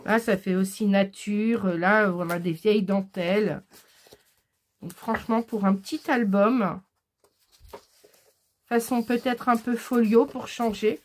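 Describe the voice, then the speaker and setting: A woman chatting casually in a haul video, enthusiastic and hesitant, often pausing with "euh" as she shows her scrapbooking purchases. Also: mid-range voice, steady tone.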